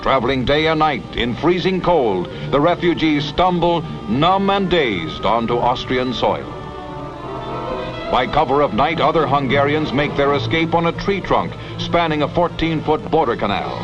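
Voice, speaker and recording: A man narrates in the dramatic, emphatic manner of an old newsreel, his voice pitched a little high. The sound is dull and lo-fi, like vintage film audio, with music playing clearly behind him. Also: lively intonation, moderate pace. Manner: dramatic, emphatic announcer delivery.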